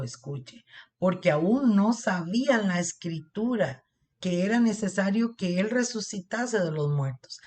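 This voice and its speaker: A woman's voice: fairly low pitch, darkish tone. A woman with a Costa Rican accent teaching a Bible class, reading verses aloud and explaining them while calling her listeners beloved. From Costa Rica.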